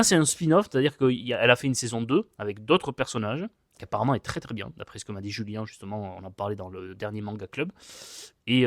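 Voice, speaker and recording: A man's voice: medium pitch, no room sound, clean studio sound. A man casually reviewing manga he has read, chatty and rambling, with many hesitations and repeated words, joking about his own English accent.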